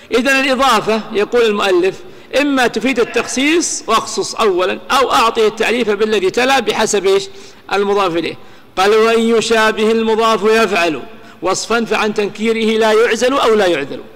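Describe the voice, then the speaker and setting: High-voiced man teaching grammar in a hall. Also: a bit bright. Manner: explains slowly, repeats examples, asks rhetorical questions. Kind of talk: classroom lecture explaining verse grammar.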